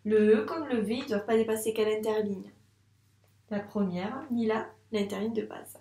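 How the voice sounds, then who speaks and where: A woman's voice: medium pitch, steady tone, dark tone, roomy sound, recorded from a distance. Patient woman teaching children handwriting. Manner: slow, patient, encouraging, addresses the child directly. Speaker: first-grade teacher. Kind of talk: handwriting lesson for young children.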